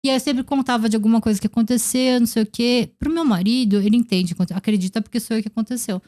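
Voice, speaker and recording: A woman's voice: a little high, fairly even intonation, fast talker, warm tone. A woman with a Brazilian Portuguese accent, a podcast guest in her thirties, reflecting in casual conversation and acting out the people in her stories. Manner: reflective storytelling, acting out quoted dialogue.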